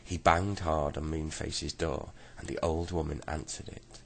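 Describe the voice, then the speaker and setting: A man reading a children's bedtime story aloud in a gentle, steady way. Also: extremely low pitch, measured pace, creaky.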